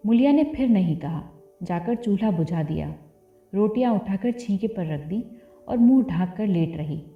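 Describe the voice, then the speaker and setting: A woman's voice: mid-range voice, animated, normal speed. A woman narrating a classic short story as an audiobook, reading steadily and expressively. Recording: tinny phone-like audio, roomy, faint music.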